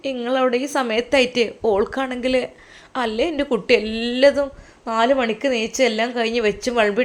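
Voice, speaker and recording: Brief: woman playing a loving, fussy older mother from a Malappuram story, slightly high voice, tender and worried. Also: close to an everyday voice. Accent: Malappuram Malayalam. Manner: doting, endearments, worried advice.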